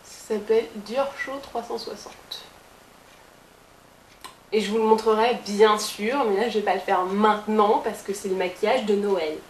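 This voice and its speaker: A woman's voice: mid-range voice, steady tone, a little slow. A woman giving a casual makeup tutorial as a beauty blogger, chatty, with playful asides to her viewers. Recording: roomy with faint hiss.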